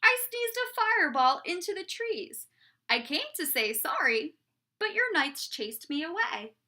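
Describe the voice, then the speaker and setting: A woman's voice: high voice, expressive, unhurried, pushed and bright, heavily acted. A woman playing an earnest storybook dragon. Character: big apologetic male dragon in a picture book.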